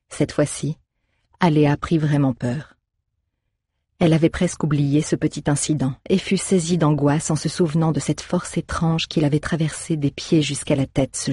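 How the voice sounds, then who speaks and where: An audiobook narrator reading a children's adventure story in a steady storytelling manner. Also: mid-range voice, slightly rough, dry recording, clean studio sound.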